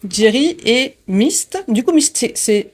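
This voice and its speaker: A woman's voice: on the high side, expressive, takes it slowly, breathy edge. A woman interviewing a band, speaking casually with many hesitations and fillers. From France.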